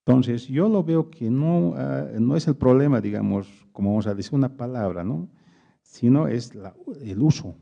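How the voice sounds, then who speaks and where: A man, speaking as the invited speaker at a public talk and answering audience questions, halting and searching for words with many pauses. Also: medium pitch, vocal fry, dark tone, highs cut off. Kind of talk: explanatory lecture with audience questions.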